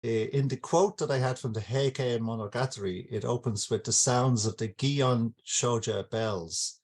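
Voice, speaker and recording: Unhurried and a little mellow, a medium-pitched Irish man addresses an online gathering for his book launch. The author's talk is casual and reflective, his explanations coming with some hesitation.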